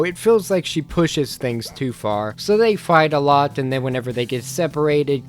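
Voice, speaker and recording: A man giving a casual, rambling movie review, excitable and joking, often cutting himself off and laughing. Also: mid-range voice.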